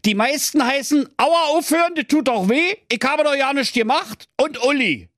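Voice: lively intonation, normal speed, a bit bright, no echo, studio quality. Die ruppige Ex-Kommissarin. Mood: brusque. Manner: squeaky, brusque. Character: tough retired female police detective.

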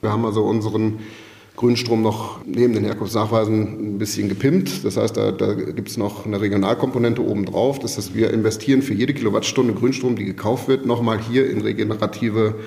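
A man with a lowish, gravelly voice patiently explains his work in interview answers. He leans on everyday comparisons. His voice carries a long reverb tail. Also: steady tone, a little fast, mellow. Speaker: energy purchasing manager.

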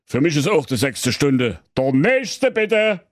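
A man's voice: a little high, very animated, slow, no room sound, studio quality, pitched above the performer's own voice. A man voicing a grumpy, impatient king in a bedtime story, blunt and mocking. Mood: exasperated. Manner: gruff, brusque.

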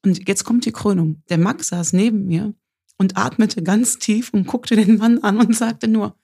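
A woman's voice: mid-range voice, unhurried, vocal fry, slightly rough. A middle-aged woman co-hosting a podcast, chatting casually and acting out the lines in her stories. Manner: animated storyteller, acts out quoted lines. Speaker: podcast co-host. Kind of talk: casual chat, telling an anecdote.

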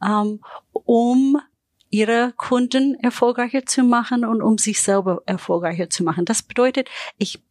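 A woman's voice: a little high, measured pace, darkish tone, dry recording, studio quality. A middle-aged or older woman with an American accent in German, speaking reflectively as a podcast guest and searching for her words. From United States. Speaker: podcast guest, business development trainer. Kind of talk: conversational interview.

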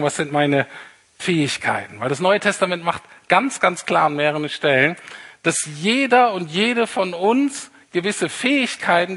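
A man's voice: on the high side, bright, forceful tone, breathy edge. A man preaching a sermon in a conversational way, repeating his key points for emphasis. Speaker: pastor.

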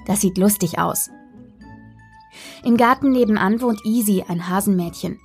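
A woman reading a children's story aloud in a gentle, playful way, narrating as a dog in the first person. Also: medium pitch, normal speed, breathy edge, faint music behind.

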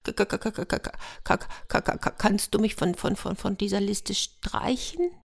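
A woman's voice: medium pitch, lively intonation, moderate pace, gravelly, pitched above the performer's own voice. A woman voicing a frightened male hare in a storybook tale, stuttering over every word with a shaking voice. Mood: terrified stuttering.

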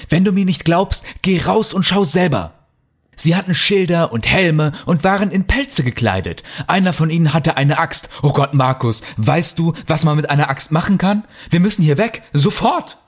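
A man voicing a panicked male polar researcher who shouts in a shrill voice. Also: lively intonation, moderate pace.

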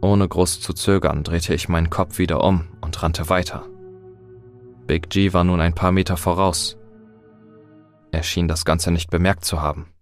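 A man with a very low voice narrates a scripted horror story in a steady, dramatic reading. Quiet music runs softly behind his voice. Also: normal speed.

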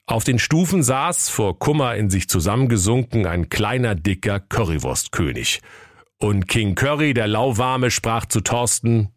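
Low-voiced male storyteller, playful comic fairy-tale narration, dry close studio mic. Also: animated, a little slow, dry recording.

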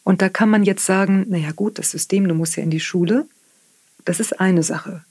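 A woman with a German accent, an author and therapist, explaining her ideas in a podcast interview, often tagging sentences with "ne?" and pausing on "ähm". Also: mid-range voice, steady tone, darkish tone, breathy edge, dry recording. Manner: reflective, tags sentences with "ne?"; frequent hesitation fillers. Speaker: author and guest; therapist working with clients.

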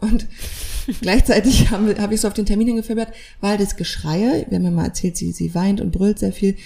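A woman's voice: mid-range voice, brisk, gravelly, a little hiss or hum. A young adult woman, a new mother, chatting casually on a podcast and telling a story with lots of acted-out dialogue. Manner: animated storytelling, acting out quoted dialogue. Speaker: podcast co-host. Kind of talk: casual chat.

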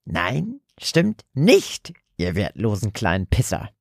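A man's voice: fairly low pitch, huge pitch swings, slow pace, creaky, darkish tone, no room sound, clean studio sound, exaggerated voice. A man voicing a sinister, spiteful voice that belongs to a hidden face in a spoken horror story, hissing and gloating.

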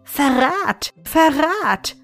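A woman's voice: fairly high pitch, measured pace, faint music behind. A woman voicing a vengeful old witch in a fairy tale read aloud, scheming and then shrieking threats. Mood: furious.

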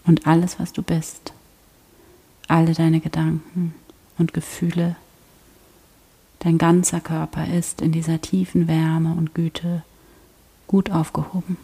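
A woman guiding a prayer meditation in a soft, slow, half-whispered voice. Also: deep voice, completely flat delivery, husky. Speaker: prayer guide.

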